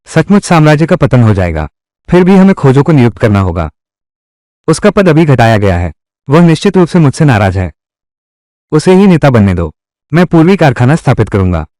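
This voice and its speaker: A man's voice: medium pitch, very animated, normal speed, long pauses, darkish tone, no room sound, studio quality. A man performing declamatory dubbed dialogue for a historical drama. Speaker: dub voice actor.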